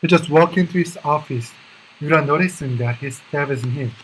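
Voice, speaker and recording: A man with a Korean accent, a native Korean speaker, doing English shadowing practice, echoing lines a beat behind and repeating them haltingly. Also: on the high side, a little hiss or hum. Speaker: live-streaming English learner. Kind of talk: shadowing practice, repetitive drilling.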